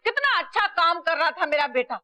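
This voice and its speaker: An actress with a Punjabi accent playing a loud, doting mother-in-law who gushes over her son. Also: very high voice, sing-song, brisk, full character voice. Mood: gushing. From Patiala, Punjab. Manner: loud, exclamatory, gushing. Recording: sitcom audio with loud background music.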